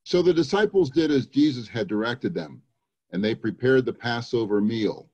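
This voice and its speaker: A man's voice: mid-range voice, expressive, normal speed, darkish tone. A man giving a dramatic reading of scripture as a church reader, on a slightly dull recording.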